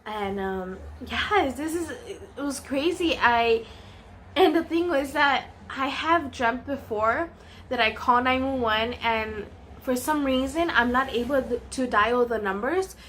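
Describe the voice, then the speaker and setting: A woman's voice: high voice, expressive, takes it slowly, a bit bright, a little hiss or hum. A woman casually telling a personal story in a vlog, earnest and full of "um" and "you know".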